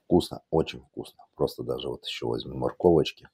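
Male cooking host, Odesa Russian accent with Yiddish flavor, very dark mellow tone, close dry sound, folksy and casual. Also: very deep voice, brisk, vocal fry, husky, no echo. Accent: Odesa Russian, Yiddish-tinged. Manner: folksy, repetitive, fond of affectionate diminutives.

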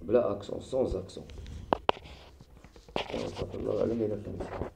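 A man's voice: lowish voice, fairly even intonation, very fast, gravelly, reverberant, background noise. A man with a Moroccan accent teaching a grammar lesson, explaining in French and Moroccan Arabic and quizzing a child.

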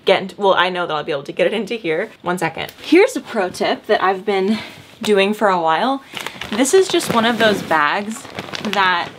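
A woman's voice: mid-range voice, expressive, normal speed, a little hiss or hum. A young adult woman chatting casually as she vlogs about organizing her home, rambling with lots of filler words. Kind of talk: casual chat. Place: at home, indoors.

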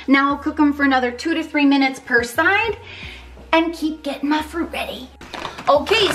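A woman's voice: high voice, noisy background. A woman in her thirties chatting while she cooks breakfast in her home kitchen, upbeat and casual. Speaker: vlogger sharing meal prep. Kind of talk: casual cooking vlog. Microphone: handheld camera held close.

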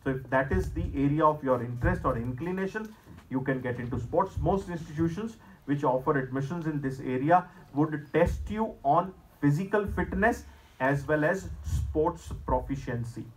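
A middle-aged man with an Indian accent lecturing students in an emphatic, measured way, as a career seminar presenter. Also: fairly high pitch, rough recording. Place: school hall stage, indoors at a podium.

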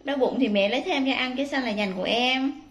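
A woman's voice: high voice, fast talker, reverberant. A woman talking to her pet monkey like a mother, chiding it in repetitive, motherly baby talk.

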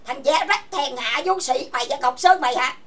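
A woman hosts an online voice chat and scolds in a furious, cursing rant. Her voice sits high and sharp in pitch. She sounds set back from the microphone, as if speaking across the room to her computer. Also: normal speed, far from the mic. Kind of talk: angry rant. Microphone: computer voice chat mic.

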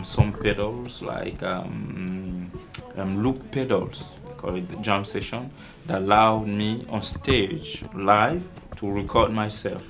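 Deep gravelly man with halting speech. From Cameroon. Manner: halting, many fillers and restarts. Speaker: musician guest. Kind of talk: casual interview answers.

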